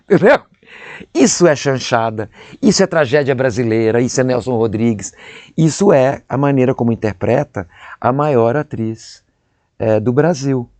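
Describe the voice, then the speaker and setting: A middle-aged man with a Brazilian accent, an actor telling stories in an interview, animated and acting out how others speak. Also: medium pitch, normal speed, dry recording. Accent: Brazilian Portuguese. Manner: animated, acts out voices and stressed syllables. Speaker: actor guest. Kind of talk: interview storytelling.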